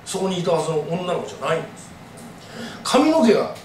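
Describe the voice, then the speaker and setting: A man tells a ghost story to a live audience, high-voiced and swinging wildly in pitch as he acts out every gasp and whisper. The sound comes from a distance in an echoing hall, with faint room noise underneath. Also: sing-song, fast talker. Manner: dramatic, acts out voices and gasps. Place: live event venue. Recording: echoey room from far off.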